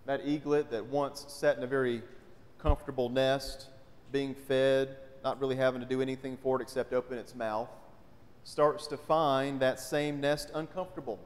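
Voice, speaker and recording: The pastor's voice is medium-pitched and steady, moving at a moderate pace as he preaches conversationally and asks the congregation questions. He's on a pulpit microphone inside a large church, where the reverb carries long.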